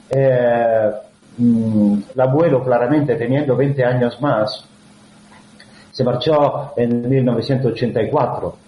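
A man from Italy, speaking with an Italian accent as an interview guest, talking in a halting way full of fillers and restarts. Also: medium pitch, mellow, slight background noise. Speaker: guest, actor. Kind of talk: conversational interview. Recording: roomy, dull lo-fi sound.

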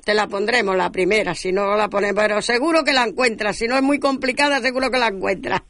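A woman hosting a local radio show, announcing events and chatting with callers in an affectionate, halting way. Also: medium pitch, dry recording, clean studio sound. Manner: warm, affectionate, halting with restarts. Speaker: radio host.

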